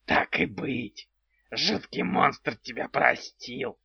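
An impish male house spirit from a storybook drawls his words slowly and strangely, always naming himself in the third person, as a man puts him on. His voice is gravelly and dry. The recording sounds dull and lo-fi. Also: medium pitch, no echo, full character voice. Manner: slow, odd, talks of himself in third person. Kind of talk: audiobook character voice.

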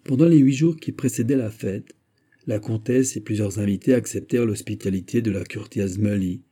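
Husky, dark-voiced male audiobook narrator. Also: lowish voice. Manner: measured, steady literary reading. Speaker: audiobook reader. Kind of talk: scripted narration of a literary story.

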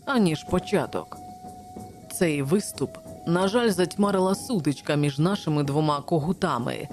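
A woman narrates an adventure novel in a low, steady voice. Her delivery is measured and even, with the calm pacing of a practiced reader. Soft music plays faintly beneath her. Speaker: audiobook narrator. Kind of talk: audiobook narration.

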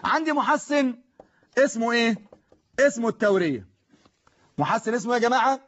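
A man with an Egyptian Arabic accent teaches a class in a high voice, reciting lines slowly and firing questions back at his students. The sound is dull and lo-fi, like an older television broadcast. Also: animated, a bit bright. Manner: explains slowly, recites verses deliberately, quizzes the class.

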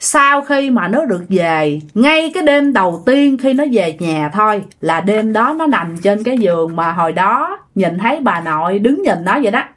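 A woman's voice: medium pitch, lively intonation, moderate pace, few pauses. A woman with a Southern Vietnamese accent telling a ghost story in a chatty way, talking straight to her listeners. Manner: chatty, addresses listeners directly.

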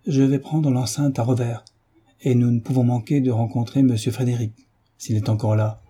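A man reading the part of a sturdy farmer guiding a lady, steady and respectful. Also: medium pitch, moderate pace, husky, close to an everyday voice. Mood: reassuring. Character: sturdy, calm, dutiful male farmer guide.

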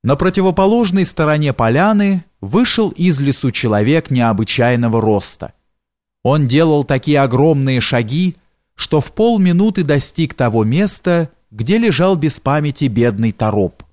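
A man narrating a literary audiobook in a measured, expressive storytelling manner. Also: a little high, no echo, clean studio sound.

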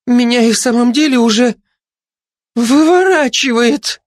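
A man voicing a greedy female dog, a glutton who barks and shouts her lines. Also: very high-pitched, measured pace, no room sound, clean studio sound, pitched above the performer's own voice. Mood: greedy shouting. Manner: barking, shouting.

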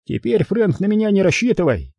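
A man's voice: high voice, very animated, fairly quick, warm tone, husky, dry recording, voice pushed up, full character voice. A man voicing an exasperated, fearful police inspector who protests and argues.

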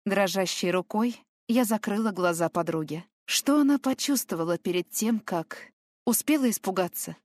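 A woman's voice: mid-range voice, normal speed, darkish tone, no room sound. A woman reading an audiobook in first person, with tense, emotional storytelling. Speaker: audiobook narrator.

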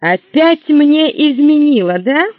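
A man voicing a brawny, jealous unshaven man who speaks gruffly and threateningly. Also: very high-pitched, animated, takes it slowly, dry recording, voice pushed up, heavily acted. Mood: menacing. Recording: dry, tinny narrow-band audio.

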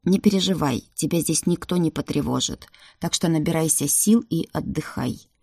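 A woman voicing a young man, a rector and protective brother, in a low, husky half-whisper, reading a storybook aloud. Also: normal speed, dark tone, no echo, studio quality, heavily acted. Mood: calm. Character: rector Holver, young brother, gruff but kind.

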